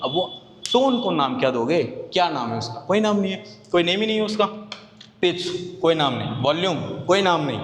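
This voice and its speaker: A male teacher giving a classroom lecture, asking his students questions and answering them himself, with key terms repeated slowly. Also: a little high, big pitch swings, a little hiss or hum. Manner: conversational, asks and answers his own questions. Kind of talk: exam-oriented classroom lecture. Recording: echoey room with long reverb.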